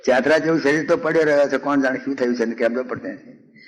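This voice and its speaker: An older man with a Gujarati accent giving a spiritual discourse, telling folksy stories, acting out villagers and chanting verses slowly. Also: medium pitch, low-quality recording. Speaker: spiritual speaker. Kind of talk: Ramayana discourse with humor and chanting.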